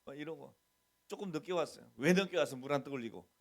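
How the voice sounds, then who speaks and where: A man's voice: fairly high pitch, lively intonation, fast talker. A middle-aged man, the senior pastor, preaching a conversational sermon. He keeps asking the congregation questions and acts out quoted bits of dialogue. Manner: mixes plain talk with quoted mock dialogue.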